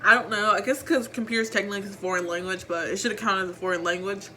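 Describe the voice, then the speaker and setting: A woman's voice: medium pitch, steady tone, racing, sharp tone, a little hiss or hum. A teenage girl vlogging about her school credits and grades in a rambling, chatty, self-mocking way. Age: teens. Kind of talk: casual chat. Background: faint background music.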